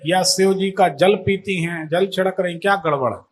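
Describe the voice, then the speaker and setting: A man's voice: sits high, moderate pace. A man working as an astrologer, taking a caller's questions and pressing her with leading questions. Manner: assertive, leading questions, talks over the caller. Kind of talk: live call-in astrology consultation.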